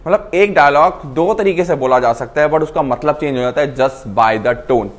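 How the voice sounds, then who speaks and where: A man's voice: a little high, moderate pace. A man teaching acting to camera, explaining in a casual mix of Hindi and English and acting out lines to show his points. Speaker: acting coach.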